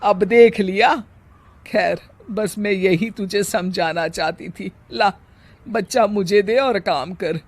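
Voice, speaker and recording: A woman acts out an old mother-in-law in a domestic tale. She talks very slowly and grumbles in a plain-spoken, sardonic way, weary from housework and quick to scold. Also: medium pitch. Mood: pointed, scolding. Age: older.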